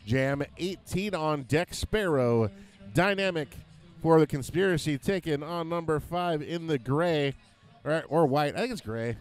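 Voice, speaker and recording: A man's voice: on the high side, unhurried, faint music behind. A man announcing a roller derby tournament, joking as he rattles off lists of events and scores. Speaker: play-by-play announcer.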